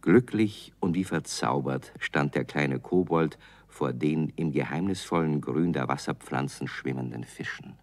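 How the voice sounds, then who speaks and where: Male narrator, deep voice, lively intonation, calm storybook reading, dry studio sound. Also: measured pace, few pauses, no echo.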